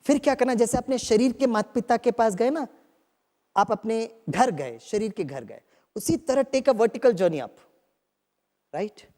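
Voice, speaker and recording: Gentle man guiding a meditation in a hall. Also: very high-pitched, expressive, measured pace. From Kerala, India. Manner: gentle and coaxing, mixing Hindi with English phrases, often asking "right?". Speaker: spiritual teacher leading meditation. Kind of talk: guided meditation talk to an audience. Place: large hall with a live audience.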